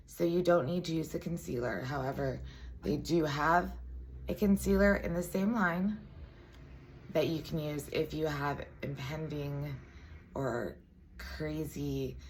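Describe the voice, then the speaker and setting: A woman with a raspy voice giving a casual makeup tutorial, chatty and full of self-deprecating asides. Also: low-pitched, unhurried, a little hiss or hum.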